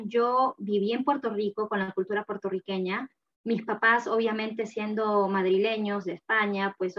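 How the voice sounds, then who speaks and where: Chatty woman, lo-fi sound. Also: fairly high pitch. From Peru. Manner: chatty, frequent fillers and laughter. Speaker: guest, mother. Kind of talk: casual conversation. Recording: slightly dull lo-fi recording.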